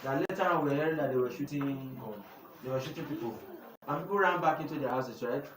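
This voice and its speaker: A man's voice: on the high side, brisk, a bit bright. A young man with a Nigerian English accent, teaching a youth class and often asking the room to finish his sentences. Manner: call-and-response questioning. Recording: echoey room from far off, noisy.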